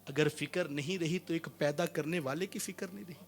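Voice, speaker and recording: A man preaching a sermon, telling stories with quoted voices and swinging between loud and soft passages. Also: on the high side. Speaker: Islamic preacher.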